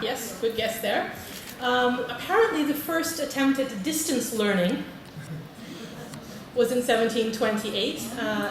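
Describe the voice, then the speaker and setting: A British woman with a fairly high-pitched voice presents at a conference in a large, echoey hall. She's a teacher trainer, friendly, polling the audience and frequently saying "okay." The mic is distant and the recording noisy.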